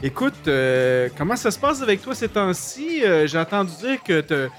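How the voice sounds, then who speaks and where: A man's voice: high-pitched, very animated, moderate pace, a bit bright, soft background music. A man with a Québécois accent hosting a casual radio chat, joking and laughing at his own puns, with plenty of fillers. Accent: Québécois French. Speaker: radio show host.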